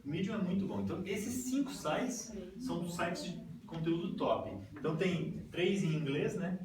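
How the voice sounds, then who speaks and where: A man's voice: high voice, moderate pace, crowd noise. A Brazilian man presents to a group, explaining step by step and often checking in with "tá?". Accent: Brazilian Portuguese. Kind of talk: informal talk with slides. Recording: echoey room, far mic, noisy.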